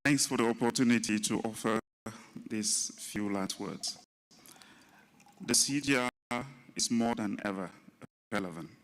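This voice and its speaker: A man with a slightly low voice delivers a formal closing speech. He is measured and rallying and leans on repeated phrases. His words ring out with the long reverb of a large conference hall. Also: fairly bright tone. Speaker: conference speaker.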